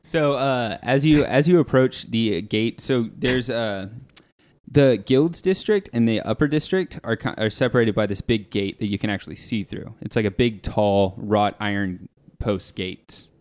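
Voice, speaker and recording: A man's voice: on the low side, a little slow, darkish tone. A man narrating and describing scenes as the game master of a tabletop game.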